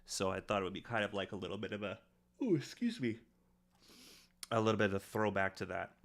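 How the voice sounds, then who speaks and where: An audio drama director who also hosts streams gives a casual director's commentary in a fairly low voice. He speaks haltingly and reflectively, rambling as if on a relaxed live stream.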